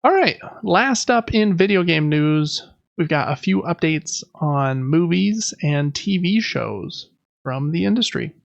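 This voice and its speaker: Co-hosting a podcast, a man chats his way through gaming news, loosely reading items aloud. He sounds a little high and expressive, unhurried, with vocal fry. The recording is dry and muffled.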